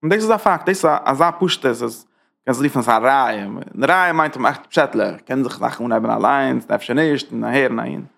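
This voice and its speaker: A rabbi gives a Torah lecture in a medium-pitched, slightly bright voice with some vocal fry, speaking a little fast. He drives his points home through rhetorical questions and emphatic repetition.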